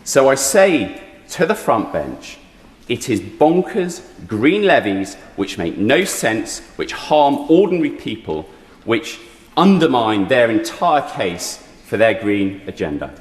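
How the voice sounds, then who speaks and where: A man giving a measured, pointedly critical parliament speech as an opposition member. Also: medium pitch, big pitch swings. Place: large indoor parliamentary chamber. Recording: echoey chamber with clear background noise.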